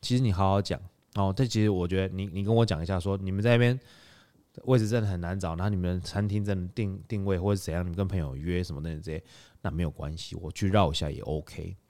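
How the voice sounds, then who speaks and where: A man co-hosts a casual podcast, telling a story at a quick clip. His voice sits fairly low, and he brings the scene to life by acting out what people said. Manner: animated, retells scenes with acted quotes. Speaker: podcast co-host.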